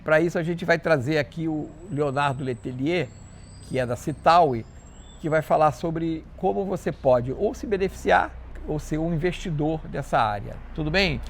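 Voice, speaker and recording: A man hosts a casual interview with a voice pitched a little higher than most men's. He is friendly and chatty, and he stumbles and restarts his questions as he goes. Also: normal speed, slight background noise. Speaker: interviewer, show host.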